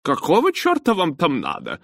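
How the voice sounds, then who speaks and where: A man voicing a gruff, foul-mouthed male snowplow driver who shouts bluntly in an audiobook. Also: on the high side, wildly swooping pitch, moderate pace, no room sound, clean studio sound, pitched above the performer's own voice.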